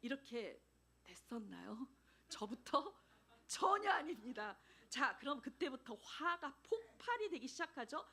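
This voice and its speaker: Woman missionary preacher: animated storyteller, voice high and swinging. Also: a little slow. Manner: animated, acts out dialogues, laughs often. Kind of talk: sermon. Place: church.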